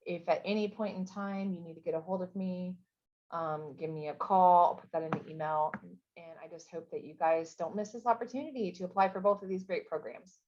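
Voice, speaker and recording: A woman explains a program in a recorded info session, in a relaxed, conversational way. She often restarts her sentences and fills the gaps with ums. Her voice sits a little low, and the recording sounds dull and lo-fi. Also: fairly quick. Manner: casual, conversational, with many fillers and restarts. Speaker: program coordinator.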